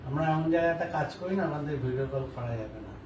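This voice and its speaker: Teasing husband in an echoey room. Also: male voice, on the high side, lively intonation, rapid-fire. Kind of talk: acted domestic skit. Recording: echoey room from a distance with noise.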